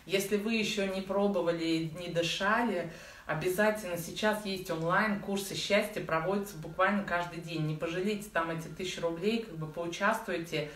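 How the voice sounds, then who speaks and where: A woman's voice: on the low side, normal speed. A woman in her forties giving informal, chatty breathing instruction to beginners, using affectionate diminutives. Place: living room at home, indoors. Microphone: phone or camera set a little way off. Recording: echoey room, distant mic, faint noise.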